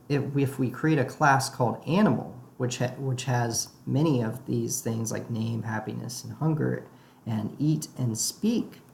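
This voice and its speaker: Man teaching on a low-quality echoey recording. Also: vocal fry, a little mellow. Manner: halting, with many "uh" fillers while explaining. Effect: low-quality recording made away from his usual equipment. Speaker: programming tutor. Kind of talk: casual spoken lecture over diagrams. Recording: echoey room, faint background noise.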